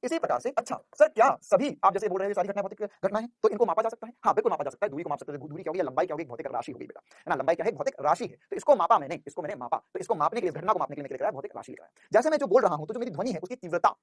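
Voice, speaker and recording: A man's voice: sits high, animated, racing, hardly any pauses, slightly rough, no echo, clean studio sound. A man teaching a physics class, who asks questions and answers them himself and calls his students "बेटा".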